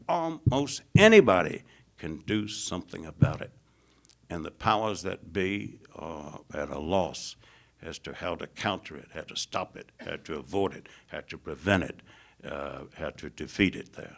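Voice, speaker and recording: A low-pitched American man with a gravelly edge delivers a public lecture. He builds emphatic lists, climbing in pitch as he drives a point home, and pads his phrasing with "uh" fillers. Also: a bit bright. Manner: frequent "uh" fillers. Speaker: foreign policy lecturer.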